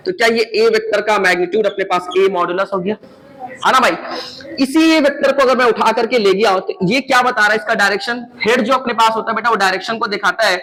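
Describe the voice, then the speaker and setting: Male physics teacher with a high, bright voice. He quizzes the class and answers his own questions. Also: low-quality recording. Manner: asks questions and answers them himself; calls students beta, repeats key points. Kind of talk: recorded physics lecture.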